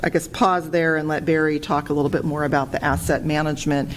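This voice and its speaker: A woman's voice: low-pitched, little pitch movement, fast, a little hiss or hum. A woman on city staff presenting a public works update at a budget meeting, hesitant and full of fillers, in a meeting room.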